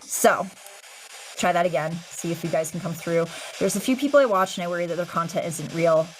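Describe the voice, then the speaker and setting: Over noisy spirit box radio static, with clear hiss and static in the recording, a livestream host chats casually with her viewers. Her fairly low voice runs a little fast, and her talk is informal, slangy and sweary.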